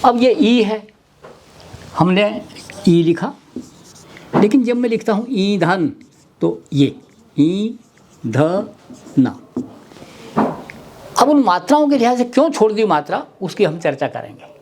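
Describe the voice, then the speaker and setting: A man giving a Hindi grammar lecture, deliberately repeating sounds and words to demonstrate their pronunciation. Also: high-pitched, very animated, darkish tone. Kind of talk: slow explanatory webinar lecture. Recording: faint background noise with clicks.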